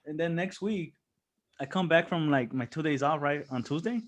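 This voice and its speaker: A young man with a slightly high voice tells a story in loose, casual chat. He swears freely, bursts into laughter and acts out everyone's lines. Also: moderate pace. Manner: animated storytelling, swears often, laughs a lot. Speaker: podcast co-host.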